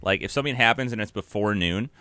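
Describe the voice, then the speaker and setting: A man's voice: lowish voice, fast, sharp tone, no room sound. An American man co-hosting a podcast with casual banter. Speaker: podcast co-host.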